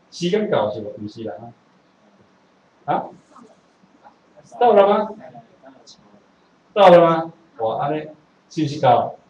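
Taiwanese male lecturer, lively rhetorical delivery, heard from a distance in an echoey hall with a faint room hum. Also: mid-range voice. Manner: animated, rhetorical questions, chatty asides. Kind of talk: classroom lecture with humorous asides.

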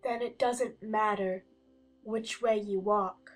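A woman voices a talking cat in an audiobook play. It is mad and teasing, riddling in a slow, matter-of-fact way at a middling pitch. Soft music sits behind it. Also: steady tone. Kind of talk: dramatized audiobook acting.

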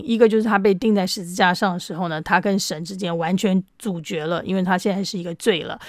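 A woman's voice: medium pitch, dry recording, studio quality. Chatty woman teaching a Bible lesson. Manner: chatty, explanatory, frequent tag particles.

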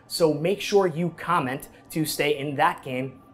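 A man in his thirties hosting a cooking show in a restaurant kitchen, energetic and joking. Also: fairly high pitch, unhurried. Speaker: host. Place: large restaurant kitchen, indoors. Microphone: lapel mic. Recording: music bed under the voice. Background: music.

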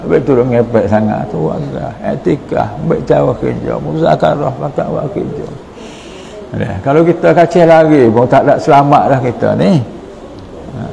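A man with a deeply gravelly, dark voice gives a morning sermon in a Patani Malay accent. He tells stories and acts out prayers and short exchanges as he preaches. A faint ambient hum sits under his voice. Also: moderate pace, rough recording. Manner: storytelling, quotes prayers and dialogue. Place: mosque hall.

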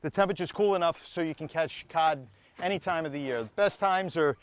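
A man's voice: a little high, a little fast. A man who captains a fishing boat, explaining conditions in a plain, matter-of-fact way. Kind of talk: casual explanation. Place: open fishing boat at sea.

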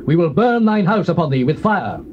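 A man's voice: high voice, big pitch swings, fairly quick. An actor playing a threatening, accusing tribesman of ancient Israel in a declamatory scripture drama. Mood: angry, threatening. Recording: muffled old cassette, faint hiss.

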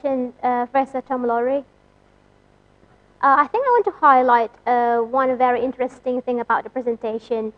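A woman with a high voice moderates an online conference session. She speaks politely and fills her pauses with frequent uhs. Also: muffled recording.

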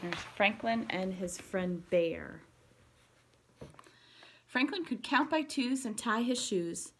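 A woman, a pre-K teacher, reading a picture book aloud to children, explaining the pictures gently. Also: medium pitch, takes it slowly, slight background noise.

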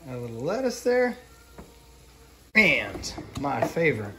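A man's voice: medium pitch, unhurried, a little hiss or hum. A man in his forties chatting casually as he cooks fish in his home kitchen, filmed on a handheld phone. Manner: relaxed, chatty, talks while cooking. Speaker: fishing vlogger. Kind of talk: casual cooking narration. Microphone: handheld phone camera.

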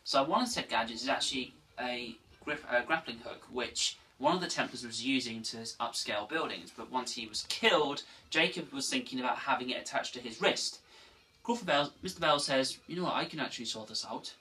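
A man talks through a game's story in a loose, rambling way, stopping and restarting his sentences as he goes. His voice is bright and forceful. He sits some distance from the microphone, so he sounds a little far off. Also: mid-range voice, moderate pace. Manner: rambling, with frequent restarts and asides. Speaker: gaming video host. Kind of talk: casual unscripted game recap.

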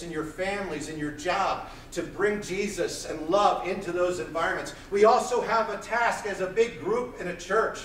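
Fired-up preacher guy, high voice for a man, booming off the walls of a church hall, mic way back. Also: slight background noise. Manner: intense and loud, pacing the stage. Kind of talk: sermon. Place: small church hall, indoors. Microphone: far camera, room mic. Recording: echoey church hall from far off.

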